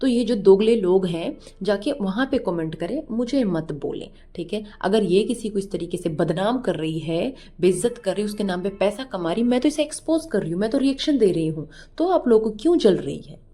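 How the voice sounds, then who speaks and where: A woman doing reaction vlog commentary with a scornful, mocking tone. Her voice is warm and mellow at a middle pitch, and she scolds steadily throughout. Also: lively intonation, brisk, hardly any pauses. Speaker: reaction vlogger.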